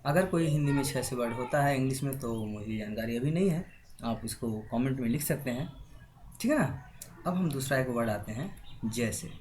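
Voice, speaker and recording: A man's voice: mid-range voice, background noise. A man giving a spoken lesson to students, spelling words out letter by letter and often checking in with a rising "right?". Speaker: teacher.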